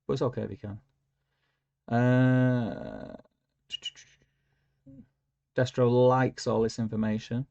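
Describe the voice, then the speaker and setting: Slow and steady, this livestream host has a gravelly, mellow mid-range voice and pauses often. He reads viewer comments in a rambling, filler-heavy way and hums to himself while scrolling. The audio is lo-fi.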